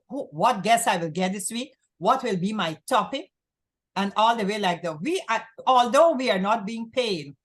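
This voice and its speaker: A woman from Guyana hosting a community access talk show, talking in long rambling runs and often repeating herself. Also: medium pitch. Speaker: host.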